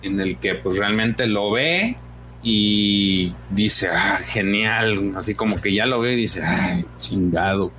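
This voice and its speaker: A man's voice: fairly low pitch, slow pace, a bit bright, slight background noise. A man co-hosting a comics podcast, recapping a story in casual chat with many fillers and acted-out lines. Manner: hesitant, many fillers, acts out dialogue.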